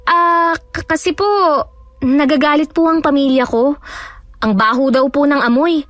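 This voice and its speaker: A woman's voice: high voice, steady tone, a little slow, fairly bright tone, no echo. A woman voicing a timid, polite young woman patient who speaks hesitantly and stammers. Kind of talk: audio drama acting.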